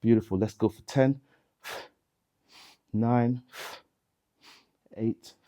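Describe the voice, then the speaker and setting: Slow, dark-voiced male Pilates instructor. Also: mid-range voice, lo-fi sound. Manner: calm cueing with breath counts. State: out of breath. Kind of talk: guided workout instruction.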